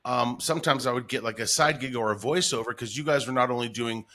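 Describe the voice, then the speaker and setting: A man from Denver, United States, hosts a casual interview podcast as an enthusiastic, rambling storyteller. Formerly a morning radio voice talent, he speaks quickly in a bright, forceful, medium-pitched voice.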